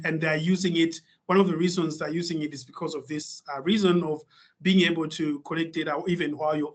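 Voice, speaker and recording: A man from Malawi, slightly high-voiced, giving a webinar presentation over a video call. He talks in a hesitant, restarting way, full of "um" and "uh" as he explains. His tone stays informative and steady. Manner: hesitant, many fillers and restarts. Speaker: guest speaker.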